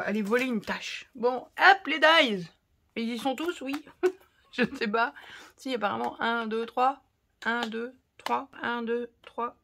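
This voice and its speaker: Chatty French woman with a bright voice. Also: on the high side, slight background noise. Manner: chatty and expressive, talks to viewers while unpacking. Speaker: craft vlogger. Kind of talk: casual haul chat to camera.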